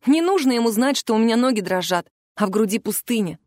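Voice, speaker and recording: Woman reading an audiobook, expressive, kinda high voice, dry close mic. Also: fast, no room sound. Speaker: audiobook narrator. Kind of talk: first-person audiobook narration.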